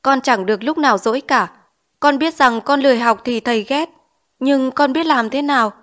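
A woman's voice: high-pitched, moderate pace, fairly bright tone, pitched above the performer's own voice. A woman voicing a poor, timid schoolboy in an audiobook, answering meekly and politely. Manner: meek, polite address. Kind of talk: audiobook character reading.

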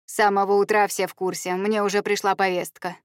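A woman's voice: mid-range voice, level tone, brisk, smooth, dry recording, studio quality, natural voice. A woman voicing a firm, commanding woman who gives short orders, in a memoir reading.

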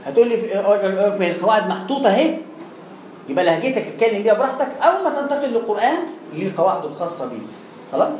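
A man with an Egyptian Arabic accent rattles off a chatty, explanatory Quran recitation lesson, repeating words and sounding out letters. His high voice swings widely in pitch and is a little mellow. Faint background noise and a roomy echo are audible.

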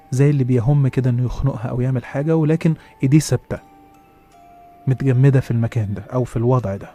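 Egyptian man, horror storyteller, very fast pace, dark mellow tone, faint music behind. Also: mid-range voice, husky. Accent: Egyptian Arabic.

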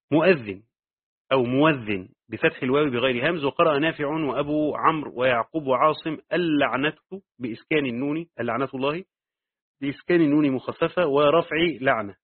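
A man with an Egyptian accent reads a classical commentary aloud and explains it in a lesson, dropping into casual dialect for side remarks. His voice sits at a middle pitch. The sound is thin and phone-like, with a dry, close feel. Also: no room sound. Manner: reads the text aloud, then adds quick asides in colloquial dialect. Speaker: Quran tafsir teacher. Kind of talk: reading and explaining a tafsir text.

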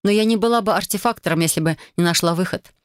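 A woman reading a first-person fantasy audiobook, expressive and flustered in the heroine's lines. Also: lowish voice, quick pace, clear, resonant tone, dry recording, clean studio sound. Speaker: audiobook narrator.

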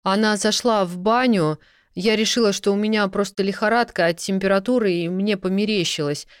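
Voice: mid-range voice, fairly even intonation, unhurried, dry recording, clean studio sound, close to an everyday voice. A reader voicing a frightened young serving girl who pleads and sobs as she talks. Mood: pleading. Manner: pleading, sobbing, breathless.

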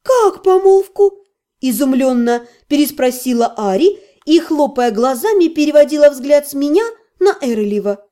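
A woman giving an expressive, animated first-person audiobook reading. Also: sits high, moderate pace, hardly any pauses. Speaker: audiobook narrator.

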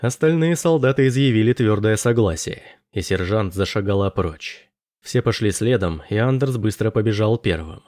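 A man narrating an audiobook in a steady, measured way. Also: lowish voice, dry recording, clean studio sound. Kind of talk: scripted narration.

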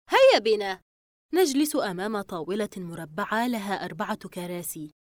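A woman narrating a novel in the first person as an audiobook reader, with an expressive delivery. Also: medium pitch, dry recording, clean studio sound.

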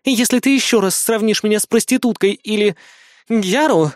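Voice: mid-range voice, animated, brisk, no room sound, studio quality, pitched above the performer's own voice, lightly acted. A reader voicing a tough young female agent in an audiobook, curt and commanding, with a mocking edge. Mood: stern, sarcastic. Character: tough young woman agent, stern and sarcastic.

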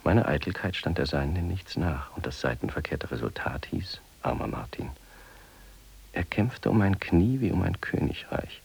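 A man narrating a literary drama in a hushed, inward, half-whispered way. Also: deep voice, expressive, normal speed, creaky, husky.

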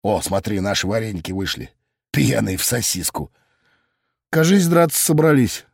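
A man voicing a calm, dry-witted male cop friend who mutters low and mocking in an audiobook. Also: normal speed, creaky, slightly rough, dry recording, heavily acted.

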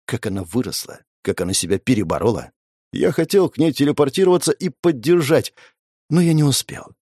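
A man reading a first-person fantasy novel aloud in an expressive, animated way at a close microphone. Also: mid-range voice, no room sound. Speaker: audiobook narrator.

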